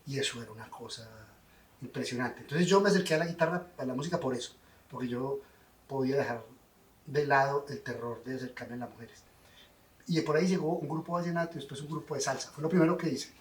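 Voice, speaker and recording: A man's voice: mid-range voice, recorded from a distance. A middle-aged man, answering interview questions in a wry, self-deprecating way. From Colombia. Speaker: guest songwriter. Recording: roomy, off-mic sound.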